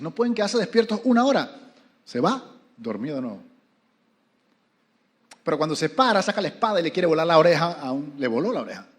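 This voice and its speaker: Panamanian pastor preaching with dramatic flair. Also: male voice, on the high side. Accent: Panamanian Spanish. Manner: dramatic storytelling, asks the audience questions. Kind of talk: sermon.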